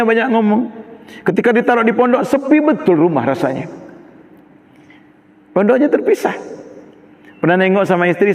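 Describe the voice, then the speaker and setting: A man's voice: high voice, vocal fry. A middle-aged man preaching a sermon to students, telling emotional personal stories and acting out the voices he quotes. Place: large mosque hall. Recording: echoey mosque hall, muffled recording.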